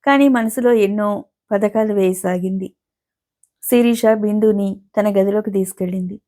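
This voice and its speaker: A woman reads a serialized novel aloud as an audiobook. Her voice is mellow and warm, and her telling is calm and even. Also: mid-range voice, normal speed. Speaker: storyteller.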